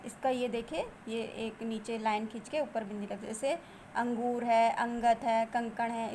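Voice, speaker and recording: Lady teacher doing a grammar lesson for kids, high voice, bit of hiss behind. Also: a little mellow. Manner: explains, then asks the children and answers herself; draws out example sounds slowly.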